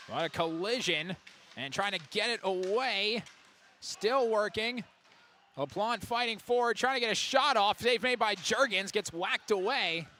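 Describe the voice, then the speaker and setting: A man calling a girls' high school hockey game as play-by-play announcer on radio, with rapid calls that jump to excited shouts on big plays. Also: a little hiss or hum. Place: ice arena broadcast booth.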